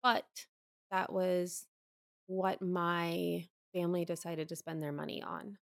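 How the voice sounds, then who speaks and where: A woman's voice: fairly low pitch, little pitch movement, slow, creaky, no room sound, clean studio sound. A young woman from Pennsylvania, a podcast co-host, chatting reflectively and rambling a little with fillers. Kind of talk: casual personal chat.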